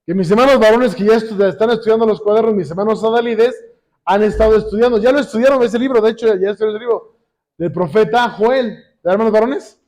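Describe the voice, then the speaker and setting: A man teaching a Bible lesson to a congregation, often pausing to quiz them with call-and-response questions and slowing down when he quotes scripture. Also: high voice, a little mellow. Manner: slows down when quoting scripture. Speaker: church teacher. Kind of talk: sermon-style Bible lesson.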